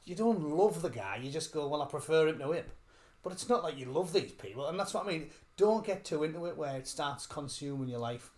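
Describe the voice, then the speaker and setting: A man's voice: on the high side, sing-song, brisk, few pauses, darkish tone. A man chatting as an interview guest, talkative and cheerfully foul-mouthed. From England. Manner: chatty, swearing, self-described gobshite. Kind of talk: casual interview chat.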